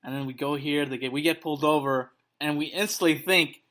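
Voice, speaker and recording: A man's voice: a little high, brisk, a bit bright. A young man co-hosting a podcast, chatting casually and laughing along as he explains. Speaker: podcast co-host. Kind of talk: casual chat.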